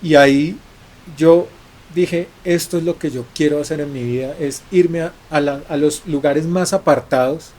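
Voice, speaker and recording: Colombian man telling travel stories, mellow voice. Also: on the high side, a little slow. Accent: Colombian Spanish. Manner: restarts and repeats words while telling travel stories. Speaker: journalist guest. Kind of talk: conversational storytelling interview.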